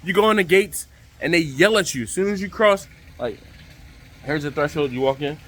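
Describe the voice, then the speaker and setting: Guy with a slightly high voice doing a casual vlog outside, talking over a pool waterfall rushing next to him. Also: lively intonation, fairly bright tone. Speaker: vlog host. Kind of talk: casual chat to camera.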